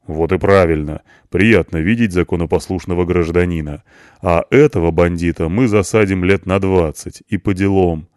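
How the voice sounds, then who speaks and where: A man voicing a calm, wry police officer who slowly dictates a report in formal wording. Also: deep voice, no echo, clean studio sound, natural voice. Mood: dictating.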